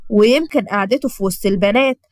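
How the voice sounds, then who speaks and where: A woman's voice: mid-range voice, fast talker, darkish tone, no room sound, studio quality, close to an everyday voice. A woman voicing an opinionated middle-aged mother chatting with her daughter, with an Egyptian accent. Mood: disapproving. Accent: Egyptian Arabic. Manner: chatty, disapproving.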